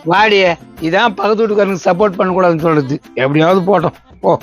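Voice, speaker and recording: Comic dub: a man voicing a nosy neighbour guy, shrill and accusing. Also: quick pace, music in the background, lightly acted. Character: meddling male neighbour.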